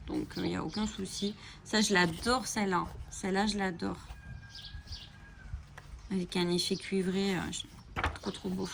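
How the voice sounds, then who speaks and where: A woman's voice: medium pitch, little pitch movement, moderate pace, vocal fry, pauses often, noisy background. A woman hosting a coloring channel, flipping through coloring books and chatting enthusiastically, with frequent fillers. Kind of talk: casual book flip-through. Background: bird chirping.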